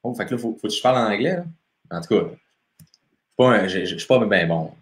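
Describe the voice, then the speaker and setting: A man's voice: fairly low pitch, a little fast. A young man with a Quebec French accent hosting a casual live stream as a motivation coach, chatty and laughing easily as he greets viewers by name. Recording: echoey room.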